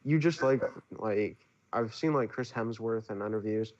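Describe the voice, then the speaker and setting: A man's voice: on the low side, moderate pace, a little mellow, muffled recording. A young man, a podcast guest, gushing in casual chat, rambling with lots of filler words. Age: young adult.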